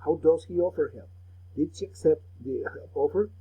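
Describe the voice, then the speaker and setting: A man teacher, his voice deeply husky and mellow in tone. He guides a recorded remote lesson patiently, step by step, saying phrases twice so pupils can repeat after him. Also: measured pace, lo-fi sound.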